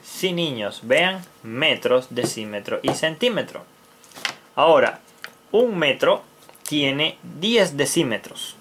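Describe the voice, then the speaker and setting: This is an unhurried teacher giving a math lesson to young children, with a voice at a middle pitch. The teacher repeats each key word slowly and counts aloud step by step while writing. A faint steady noise sits behind the voice. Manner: patient, repeats key words slowly for kids.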